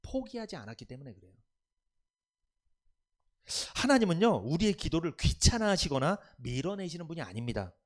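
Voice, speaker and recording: Lively Korean pastor preaching. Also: male voice, fairly high pitch, fairly quick, pauses often. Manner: preaching with questions and repetition to the congregation; lively, rising and dropping loudness. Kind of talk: sermon.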